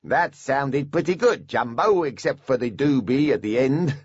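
A man voicing a grumpy, belligerent male dwarf engineer who talks in a stubborn, gruff, drawn-out way. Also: medium pitch, lively intonation, dry recording, highs cut off, voice pushed up.

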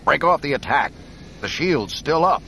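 A man voicing a worried starship pilot who shouts urgent commands. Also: low-pitched, huge pitch swings, normal speed, a little hiss or hum, full character voice. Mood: commanding.

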